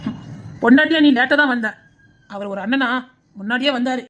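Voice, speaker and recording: A woman voicing a calm, sympathetic male politician who speaks in a soothing, matter-of-fact way, with a Tirunelveli Tamil accent. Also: high voice, a little fast, lightly acted.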